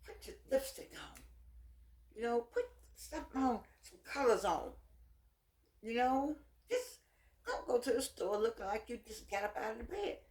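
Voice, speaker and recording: Middle-aged woman, toothless speech, very lively pitch, sassy rambling advice, echoey room. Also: moderate pace, long pauses. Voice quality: toothless, slightly soft articulation. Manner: animated, sassy, folksy, repeats phrases for emphasis. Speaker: vlogger. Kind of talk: casual chat, rambling advice to viewers.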